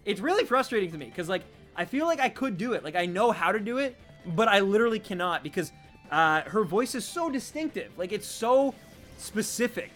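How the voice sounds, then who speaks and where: A man chatting casually on a live stream, reading out chat in an animated, talkative way. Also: high-pitched, brisk, faint music behind.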